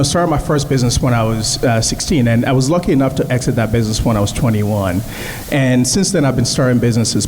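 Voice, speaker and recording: A male startup founder answers a panel question, his voice at an ordinary pitch. He speaks with many fillers and restarts. The sound carries a long hall echo and a faint hiss. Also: darkish tone. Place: event hall.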